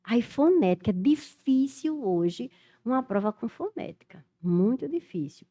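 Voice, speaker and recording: A woman's voice: fairly high pitch, animated, measured pace, warm tone, lo-fi sound. A middle-aged Brazilian woman teaching Portuguese for an exam, thinking aloud and spelling letters out as she works through questions. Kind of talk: exam-prep lesson, working through questions.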